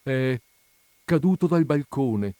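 A man's voice: medium pitch, animated, slow pace, warm tone, dry recording, voice pushed up. A man reading aloud, voicing a grieving widow who grows indignant and exasperated.

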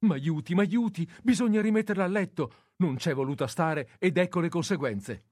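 A young nurse, anxious and bustling, who calls out high and loud, as a male narrator puts her on. The lines come from a storybook read aloud, in a dry and close sound. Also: brisk, no room sound, close to an everyday voice. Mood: frantic urgent. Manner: high, raised voice with sharp calls.

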